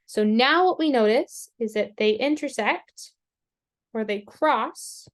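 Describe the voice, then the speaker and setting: A woman teaching a math lesson, talking slowly and patiently through each step, with a somewhat high voice. She pokes fun at her own drawing skills now and then. She has the hiccups. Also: expressive. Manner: slow, patient step-by-step explaining with self-deprecating asides. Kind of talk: recorded screen-share math lesson.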